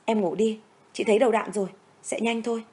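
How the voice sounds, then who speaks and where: A woman's voice: a little high, quick pace, a little mellow, lightly acted. A woman voicing brave tearful young medic. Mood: gentle. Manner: urgent, pleading.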